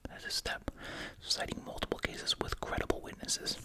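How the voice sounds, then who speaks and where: Speaking entirely in a hushed, breathy whisper, an ASMR creator shifts between reading aloud and casual, musing asides, often repeating short phrases. The pace is normal, and gum is being chewed throughout.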